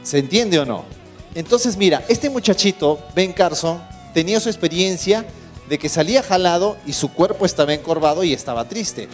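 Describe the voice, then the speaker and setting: A man's voice: high-pitched, animated, moderate pace, faint music behind. A man with a Peruvian accent giving a motivational lecture, asking the audience rhetorical questions and repeating key points. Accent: Peruvian Spanish. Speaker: motivational speaker. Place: conference hall.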